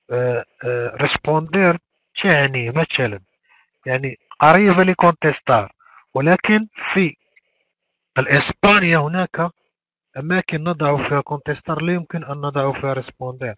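A male language teacher giving a classroom lecture and drilling verbs by repeating each word slowly. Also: fairly high pitch, fairly bright tone, dry recording, muffled recording.

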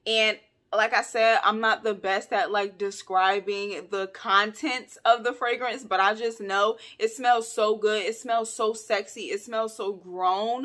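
A young woman talks straight to her viewers in a loose, chatty vlog. Her voice is bright and forward, with playful asides and lively emphasis. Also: mid-range voice. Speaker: vlogger. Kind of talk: casual vlog chat to camera.

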